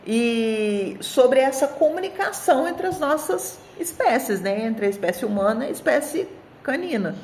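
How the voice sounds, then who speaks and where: A woman's voice: sits high, moderate pace, a little hiss or hum. Chatty Brazilian woman dog trainer. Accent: Brazilian Portuguese. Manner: chatty, animated storytelling, talks straight to viewers. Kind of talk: casual video presentation of an article.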